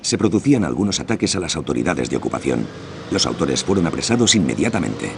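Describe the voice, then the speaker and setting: A man's voice: rumbling low, very animated, fast talker, gravelly, noisy background. A man reading scripted documentary narration.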